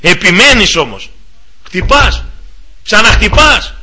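A man's voice: sits high, big pitch swings, sharp tone, husky. A man preaching a sermon, earnestly exhorting and speaking straight to each listener.

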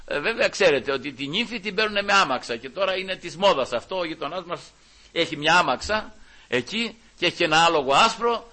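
A man preaching with fervent energy, his high voice leaping up and down as he acts out scripture stories. The tone is bright and forceful, with sudden bursts of loudness between quieter asides. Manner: fervent, animated, retells scripture with quoted dialogue. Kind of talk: sermon.

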